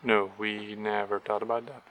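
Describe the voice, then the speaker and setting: A man hosting a community project vlog, explaining costs and plans in a relaxed, plain-spoken way. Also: lowish voice, normal speed. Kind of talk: casual explanatory vlog narration.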